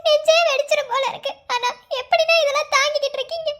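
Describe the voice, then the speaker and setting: Woman voicing young cartoon girl, very high pitch, emotional, quick. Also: steady tone, a bit bright. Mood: distressed.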